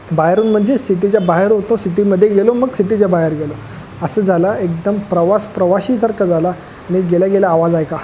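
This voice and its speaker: A man's voice: sits high, mellow, slight background noise, poor audio. A young man from Solapur, narrating a travel vlog in a rambling, joking way and addressing viewers as friends. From Solapur, Maharashtra. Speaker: travel vlogger. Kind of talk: casual travel vlog voice-over.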